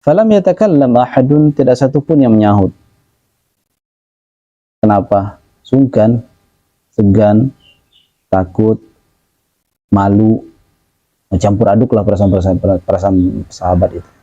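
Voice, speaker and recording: A man with a low, warm, very mellow voice leads a relaxed religious study lesson. He recites Arabic slowly, explains each phrase, and turns to his students in a chatty way. The recording is dry and a bit dull, like a lo-fi room take. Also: dry recording. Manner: talks directly to students by name in a casual way. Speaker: religious teacher.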